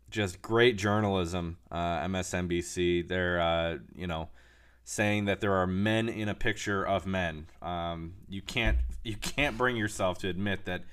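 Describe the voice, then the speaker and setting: A man giving casual political commentary alone, sarcastic and mocking, with many halting fillers and restarts. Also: low voice, a bit bright, clear, resonant tone.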